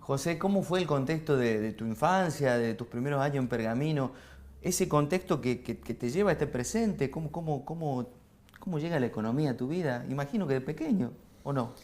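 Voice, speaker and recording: A man with an Argentine accent hosting an interview, asking questions with halting repetitions and offering short affirmations. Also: mid-range voice, lively intonation, darkish tone. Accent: Argentine Spanish.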